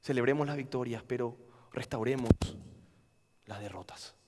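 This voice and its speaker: A man's voice: medium pitch, moderate pace, a little hiss or hum. Argentine man preaching in a reverberant hall. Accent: Argentine Spanish. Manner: swings from loud dramatic outbursts to hushed quiet pleading. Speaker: camp preacher. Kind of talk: sermon.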